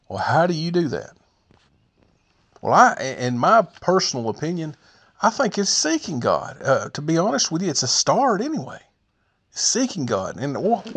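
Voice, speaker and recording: A man's voice: medium pitch, dry recording. A man giving an earnest, informal devotional talk, rambling and correcting himself as he shares his notes. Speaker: podcast host sharing devotional notes.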